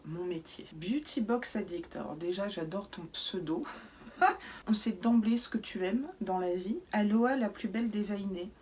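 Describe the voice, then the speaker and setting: A woman's voice: lowish voice, darkish tone, slight background noise. A woman, chatting casually as she answers viewer questions in her vlog, full of playful asides and fillers. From southwest France and New Zealand. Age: 30s. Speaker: beauty YouTuber.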